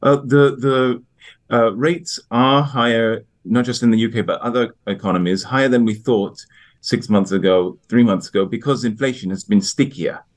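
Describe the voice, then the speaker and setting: A man answering broadcast interview questions on economics as an expert guest, in a halting, hesitant manner with repeated words. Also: mid-range voice. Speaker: economist guest, IMF research division head.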